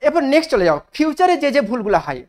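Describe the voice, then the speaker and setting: A woman teaches English grammar, stopping often to put questions to her students and going over each rule again, slowly and with emphasis. Her voice sits a little high and moves a lot from phrase to phrase. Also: big pitch swings, darkish tone. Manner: asks the class questions and repeats rules slowly for emphasis. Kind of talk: spoken grammar lesson.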